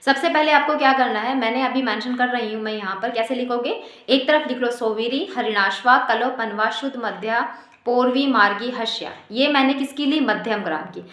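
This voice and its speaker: A woman's voice: a little high, normal speed, a bit bright, reverberant. A woman music teacher explaining exam material step by step, reciting note names in sequence. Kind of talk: exam-prep music lesson.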